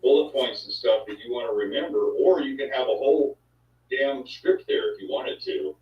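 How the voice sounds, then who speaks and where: A man's voice: medium pitch, moderate pace. A man hosting a casual chat, talking in an easygoing, rambling way. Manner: easygoing, rambling, sound effects. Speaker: host. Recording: echoey, distant, dull sound.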